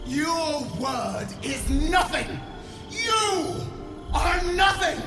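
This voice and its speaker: A woman's voice: sits low, sing-song, drawn-out words, exaggerated voice. An actress playing an imperious undead tyrant queen in a video game, speaking with commanding, theatrical menace. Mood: enraged, threatening. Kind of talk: dramatic video game acting. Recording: echoing voice over loud music.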